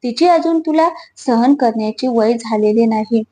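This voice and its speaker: A fierce old mother who scolds hard and shields the young, heard in a storybook reading, done by a woman narrator. The voice is slightly high and mellow, with a warm, soft tone. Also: normal speed, lightly acted. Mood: furious. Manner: scolding, protective.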